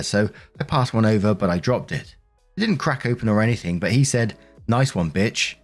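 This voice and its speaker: A man's voice: mid-range voice, darkish tone. A man reading Reddit relationship stories aloud and then reacting bluntly in his own words. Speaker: story narrator.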